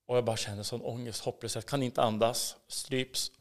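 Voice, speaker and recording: A man's voice: mid-range voice, fairly even intonation. A man with a Swedish accent telling his personal faith story in an interview, earnest and intense, sometimes dropping to a whisper. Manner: earnest, swings between hushed whispers and emphatic bursts. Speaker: interview guest. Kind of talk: personal testimony in a casual interview.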